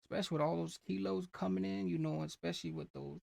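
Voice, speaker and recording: A man's voice: a little high, fairly even intonation, quick pace, vocal fry, darkish tone. A man hosting a reaction video, rambling loosely with lots of fillers and restarts. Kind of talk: casual reaction commentary.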